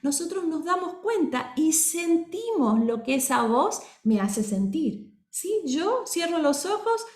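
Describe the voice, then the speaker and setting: A woman's voice: very high-pitched, very animated, slow pace, a little mellow. A woman teaching a voice course, explaining patiently and often checking that her listeners are following. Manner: keeps checking in with the audience; explanatory, acts out example voices. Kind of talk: course lecture. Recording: roomy reverberant sound.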